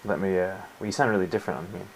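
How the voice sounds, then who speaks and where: A man's voice: sits low, very fast, gravelly, low-quality recording. A man from the United States hosting a live stream in a casual, chatty way. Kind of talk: casual chat. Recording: faint noise on home stream.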